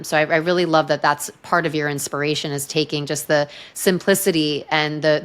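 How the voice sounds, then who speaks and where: Low-voiced enthusiastic woman host. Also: fairly bright tone. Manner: enthusiastic, welcoming. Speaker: podcast host. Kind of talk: scripted intro and interview questions.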